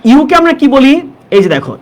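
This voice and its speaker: A woman teaches an exam-prep grammar lesson in a fairly high, very animated voice that swoops up and down. She keeps checking with the class and repeats key words slowly to drive them home. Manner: asks the class frequent check questions. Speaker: English teacher.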